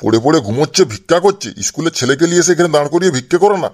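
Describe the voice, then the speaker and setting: A grumpy, foul-mouthed old man, voiced by a man, scolding quickly in a fairly high voice. He fires off insults without pause. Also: animated. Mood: angry. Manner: scolding, swearing.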